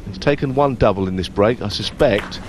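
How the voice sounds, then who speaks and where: A man giving hushed live snooker commentary in measured, analytical asides between shots. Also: on the low side. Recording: noisy arena with audience behind. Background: audience and hall noise.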